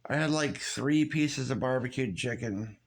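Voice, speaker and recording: A man's voice: mid-range voice, a little slow. A man ranting casually in a vlog, swearing constantly and rambling with restarts and fillers. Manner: profane, rambling, loose and frustrated. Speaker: vlogger. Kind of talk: casual rant to camera.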